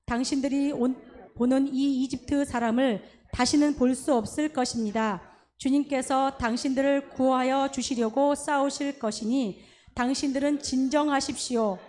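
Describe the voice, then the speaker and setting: A woman reads scripture aloud to a congregation in a fairly high voice. Her delivery is steady and even. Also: normal speed. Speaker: scripture reader.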